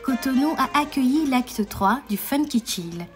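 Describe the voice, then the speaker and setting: A woman reading a scripted television report voice-over in a measured, polished way. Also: high-pitched, lively intonation. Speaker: voice-over narrator. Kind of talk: scripted narration. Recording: music bed under voice.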